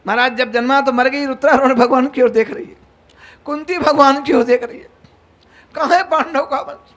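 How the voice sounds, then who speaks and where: A man's voice: extremely high pitch, steady tone, brisk, a bit bright. A man recounting scripture as a devotional storyteller, dramatic and rising and falling in force. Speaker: religious storyteller.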